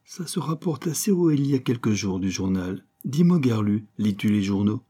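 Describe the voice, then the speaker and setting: Man doing a brisk, commanding detective. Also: fairly low pitch, very animated, mellow, breathy edge. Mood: brisk, probing. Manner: brisk, questioning, ordering people about. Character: sharp, commanding male detective, mid-life.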